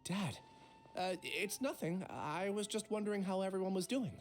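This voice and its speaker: A woman's voice: medium pitch, expressive, moderate pace, a little hiss or hum, lightly acted. A woman playing a troubled, polite young scholar in a game, speaking hesitantly and wearily. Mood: uneasy reassurance. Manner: hesitant, downplaying. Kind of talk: scripted game voice acting.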